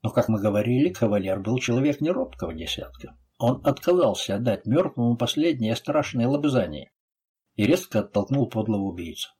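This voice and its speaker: A male audiobook narrator with a husky voice and a lively, varied intonation. He tells the story expressively, rising and falling at mid pitch. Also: a little fast. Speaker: audiobook reader. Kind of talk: scripted narration.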